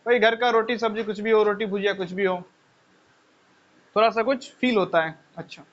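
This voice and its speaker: A man's voice: high voice, fairly even intonation, moderate pace. A man teaching a class in a conversational way, full of rhetorical questions and repeated phrases. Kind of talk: lecture with personal stories. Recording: dull lo-fi sound.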